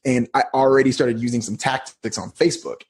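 A man in his thirties telling his story as a podcast guest, relaxed and slangy. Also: mid-range voice, fairly quick, husky. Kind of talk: casual interview talk.

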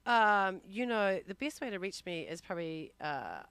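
A woman coach talking as a guest on a radio interview, chatty and quick to laugh, with plenty of fillers. Her voice sits at an ordinary pitch for a woman. The sound is dry and close, with no room around it. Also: sing-song, a bit bright, smooth, dry recording.

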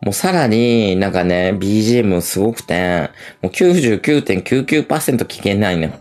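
A man's voice: on the low side, lively intonation, fairly quick, darkish tone, soft background music. A middle-aged man with an effeminate camp persona, chatting crudely and rambling in a casual livestream, laughing often.

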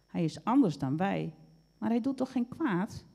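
A woman's voice: medium pitch, lively intonation, measured pace, vocal fry, warm tone, big-room sound. A woman voicing a wise, peace-making hare in a storybook, reasonable and soothing.

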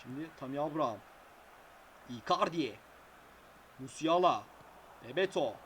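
A man giving excitable live commentary on his own mobile football game, shouting player names when goals go in. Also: on the high side, unhurried, slight background noise. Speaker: mobile football gaming YouTuber.

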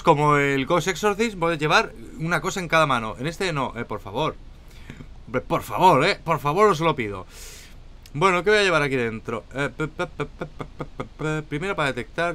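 A man's voice: on the high side, sharp tone. A young man from Spain with a Spanish accent, chatting and joking to viewers during a solo game commentary. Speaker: gaming YouTuber.

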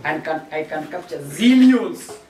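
Man playing a high-voiced chatty surveillance expert. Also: lively intonation, a little slow, a little mellow. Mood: explaining. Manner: hesitant, tags sentences with "eh?". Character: male American wireless-surveillance expert, chatty. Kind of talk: amateur stage play acting. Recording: roomy, distant mic with faint noise.

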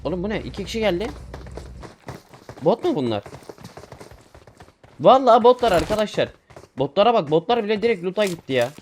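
Young man excitedly commentating a shooter game. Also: high voice, fairly quick, pauses often, background noise. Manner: casual, joking, addresses viewers as friends; bursts into loud excitement in fights. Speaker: gaming streamer. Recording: game gunfire loud behind. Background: gunshots and game sounds.

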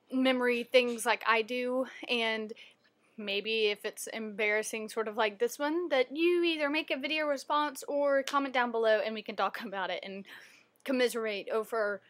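A young woman vlogger telling a story in a bubbly, animated way from a home office. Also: a little high, moderate pace. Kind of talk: casual storytelling vlog.

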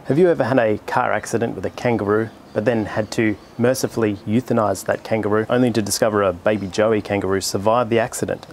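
An Australian man, an astronomer and channel host, doing a comedic sponsor read with a deadpan mock-salesman delivery. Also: lowish voice, creaky, a little hiss or hum.

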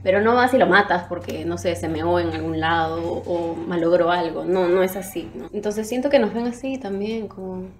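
A woman's voice: lowish voice, moderate pace, few pauses. A young woman, chatting casually and rambling as she straightens her hair for a get-ready-with-me vlog, full of fillers and self-corrections. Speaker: beauty vlogger.

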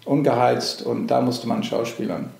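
A middle-aged English actor, a native English speaker, chats casually as a podcast guest, relaxed and hesitant, full of fillers and restarts. His mid-range voice is gravelly with vocal fry, and he speaks at a normal speed. The room rings with echo.

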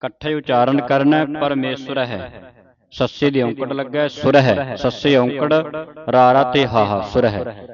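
A man teaching scripture pronunciation in a slow, patient line-by-line recitation lesson, with a Punjabi accent. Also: medium pitch, dull audio, over music. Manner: patient, repeats each word slowly for the student.

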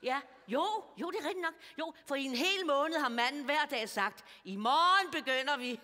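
A woman's voice: sits high, animated, pushed and bright. A woman playing a bawdy, chatty old lady on stage. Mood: gossipy. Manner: gossipy, bawdy, confiding, chuckling at her own jokes. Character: bawdy chatty older woman of about seventy. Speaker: comedian. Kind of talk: stand-up character monologue. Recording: stage mic in a hall with audience.

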